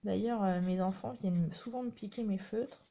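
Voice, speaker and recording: During a live-streamed craft tutorial, a woman talks casually as she shows her project, narrating what her hands are doing and adding small asides. Her mellow, medium-pitched voice has some vocal fry and a moderate pace.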